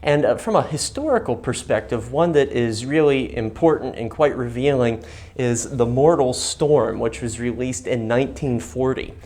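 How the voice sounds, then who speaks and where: A man with a mid-range voice presents a guided history tour on location. He explains things informally, in measured phrases, and stresses key words as he goes. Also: medium pitch, a little mellow. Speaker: host of a history and film channel, guiding a museum tour. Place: inside a museum gallery.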